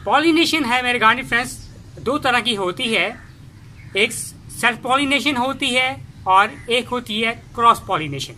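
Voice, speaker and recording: A man hosting a casual gardening tutorial in his home garden, talking in a halting way with many fillers and restarts. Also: very high voice, lively intonation, sharp tone, slight background noise. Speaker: gardening channel host.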